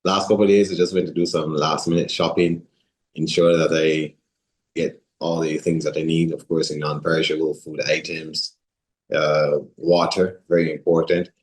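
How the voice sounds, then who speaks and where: A man's voice: a bass voice, flat delivery, moderate pace, rough recording. A man from Barbados, a sports journalist, describing things plainly in an interview with a few fillers. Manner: matter-of-fact, with fillers.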